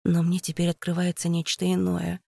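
A woman's voice: on the low side, completely flat delivery, normal speed, creaky, dark tone, slightly rough, no echo. A woman narrating a first-person fantasy audiobook in a tense, dramatic reading.

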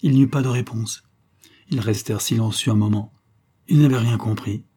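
A man narrating a literary short story in an audiobook, reading in a measured, even way. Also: fairly low pitch, slightly rough.

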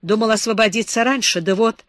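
A gruff, irritable factory boss who grumbles and complains in exasperation, as a woman reader puts him on. He talks loudly and briskly. The sound is dry and close. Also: a little high, no room sound, natural voice. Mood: irritated.

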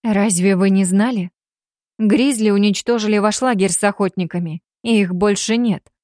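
A woman voicing a defiant young captive healer in an audiobook, speaking quietly and with resignation. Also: mid-range voice, moderate pace, no echo, clean studio sound, natural voice. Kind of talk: audiobook character voice.

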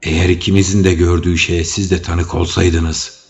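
Man voicing a battle-worn barbarian king, terse growl, deep voice, faint music behind. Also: steady tone, normal speed, in a large hall. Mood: grim. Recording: dull audio with faint music.

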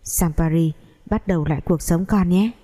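A woman's voice: on the low side, normal speed, dark tone, close to an everyday voice. A woman voicing a wealthy middle-aged father who talks in a resigned, advising way.

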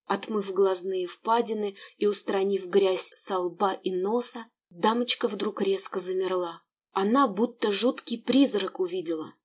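A woman narrating an audiobook in an expressive storytelling manner. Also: mid-range voice, a little slow, slightly rough.

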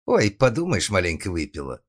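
A man's voice: sits low, wildly swooping pitch, a little fast, exaggerated voice. A man voicing a brash, tipsy, impulsive young woman in an audiobook, speaking flippantly.

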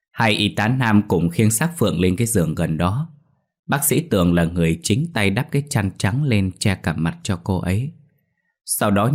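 Deep-voiced man narrating a ghost story. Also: darkish tone.

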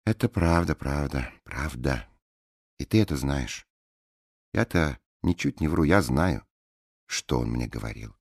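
A man voicing a large, kind woman with a soft, melodious voice in an audiobook reading. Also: a bass voice, lively intonation, measured pace, long pauses, no echo, studio quality, exaggerated voice. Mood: insistent. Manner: soft and sing-song.

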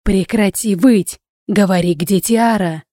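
A woman's voice: medium pitch, expressive, unhurried, warm tone, dry recording, studio quality, pitched above the performer's own voice. A woman reading the part of a cruel reptilian male gang leader who snarls and hisses threats in an audiobook. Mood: menacing.

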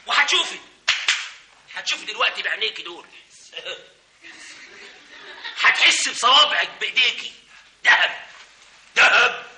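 A man's voice: very high-pitched, sharp tone, full character voice. An actor playing a brash male chauffeur who claims to be a grand lawyer, boastful and mock-indignant, chuckling as he talks, in an old comic stage play. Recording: old stage recording, roomy, distant.

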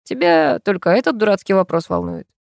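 A woman voicing a calm, sarcastic man who drawls his teasing remarks in a storybook. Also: on the low side, fairly quick, creaky, no echo, clean studio sound. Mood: mocking. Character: calm mocking man, sly and unflappable.

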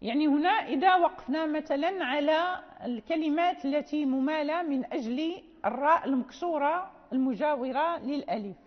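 A woman teaching Quran recitation rules, explaining slowly and repeating phrases with checking questions. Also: high-pitched. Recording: dull lo-fi sound in a reverberant hall.

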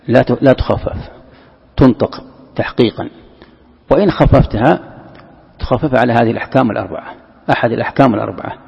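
A man with a gravelly, husky voice gives a patient religious lesson, repeating each key term and restarting words as he explains. The sound is muffled and lo-fi, and a long hall echo trails each phrase. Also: mid-range voice. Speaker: sheikh teaching Quran commentary. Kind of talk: classroom lesson explaining a text.

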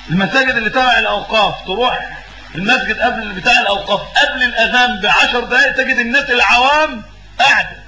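A man's voice: sits high, bright, forceful tone, echoey room, a little hiss or hum, low-quality recording. A man with an Egyptian accent giving a religious lesson as a preacher. He asks questions and fills in the answers himself, and he repeats words for emphasis. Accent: Egyptian Arabic.

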